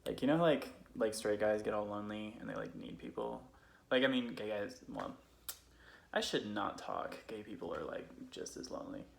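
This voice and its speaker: A man's voice: on the low side, big pitch swings, normal speed, gravelly. A man putting on a casual, tipsy Californian friend who rambles through comedic stories in a slangy, filler-heavy way. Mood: loose, animated. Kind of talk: comedic storytelling. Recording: roomy echo, faint background noise.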